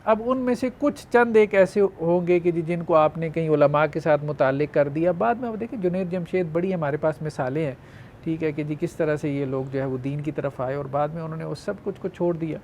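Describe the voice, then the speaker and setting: A religious scholar speaks on a studio panel in a measured, conversational way, with a somewhat high-pitched voice. A faint low rumble sits behind him. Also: male voice, a little mellow.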